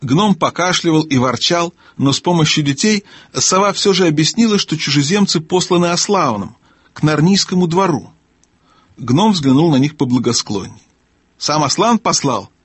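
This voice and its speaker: Husky-voiced male audiobook narrator. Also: fairly high pitch, lively intonation, normal speed, no echo. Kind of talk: scripted narration.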